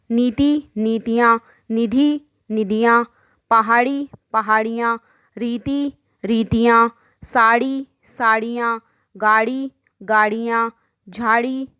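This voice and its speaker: A woman's voice: fairly high pitch, clear, resonant tone. A woman teacher giving a grammar lesson, saying example words in pairs and explaining each rule step by step. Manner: slow, repeating word pairs aloud.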